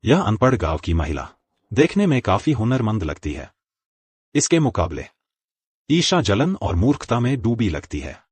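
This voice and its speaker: A man's voice: on the low side, sing-song, unhurried, a little mellow, slightly rough, dry recording, full character voice. A man dubbing a weary, sarcastic young nobleman in a drama. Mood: wry.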